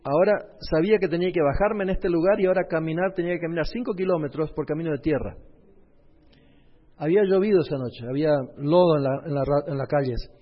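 A middle-aged male pastor, telling a personal testimony in a sermon and speaking straight to his audience. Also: fairly high pitch. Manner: storytelling, addresses the audience directly. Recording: reverberant hall, dull lo-fi sound.

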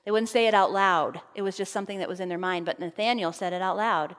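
A woman's voice: medium pitch, quick pace, a bit bright. Earnest woman preaching in a reverberant hall. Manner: earnest, personal storytelling with fillers. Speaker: speaker at a camp meeting. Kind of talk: conversational sermon. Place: meeting hall. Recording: long reverb of a large hall.

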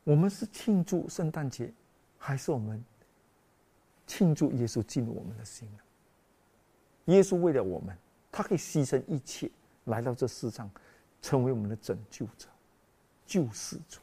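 A man's voice: medium pitch, sing-song, moderate pace, pauses often, mellow, breathy edge. A man preaching a Christmas sermon with emotional, dramatic exclamations, often calling out to the congregation as brothers and sisters.

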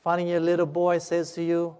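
A man preaching a sermon, telling a parable in a dramatic, emphatic way and slowing down on key words. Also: fairly high pitch, monotone, warm tone, clean tone. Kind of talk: sermon storytelling. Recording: echoey hall.

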